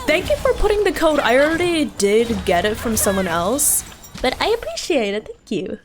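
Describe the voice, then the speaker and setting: A woman's voice: sits high, sing-song, normal speed, noisy background. A woman livestreaming a game, chatting casually with playful, self-mocking, giggly asides. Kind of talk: casual livestream chat over gameplay. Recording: faint game music behind voice.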